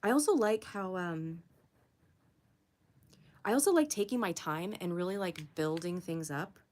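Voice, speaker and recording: A young woman hosts a relaxed drawing livestream, talking to her chat as she works. Her voice sits a little low, but it jumps way up when she greets viewers, and she laughs easily. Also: a little slow. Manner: chatty and giggly, greets viewers in a high voice. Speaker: art livestream host.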